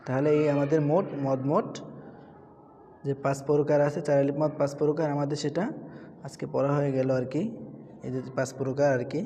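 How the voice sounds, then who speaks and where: A man teaching Quran reading, patiently spelling out letters and chanting the words in a raised, drawn-out voice. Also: on the high side, fairly even intonation, mellow. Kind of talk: spelling out and drilling Quran recitation. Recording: reverberant room with faint background noise.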